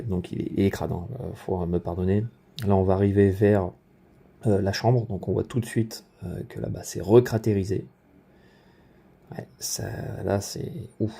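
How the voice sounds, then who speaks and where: A man's voice: on the low side, creaky, mellow. A man presenting his rifle in a casual video commentary, rambling with many fillers and self-corrections.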